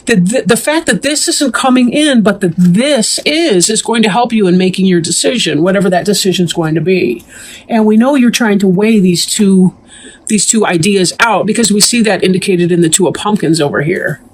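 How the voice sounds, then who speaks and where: A woman talks through a tarot reading in a loose, rambling way, with plenty of ums and frequent throat-clearing. She sounds a little short of breath as she goes. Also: mid-range voice, normal speed. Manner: chatty and meandering, clears throat often. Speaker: tarot reader. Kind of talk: casual tarot reading to camera.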